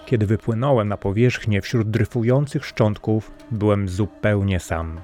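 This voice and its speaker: A man narrating an adventure tale in the first person, in a vivid, expressive storytelling manner. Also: fairly low pitch, unhurried. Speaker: audiobook narrator. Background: faint background music.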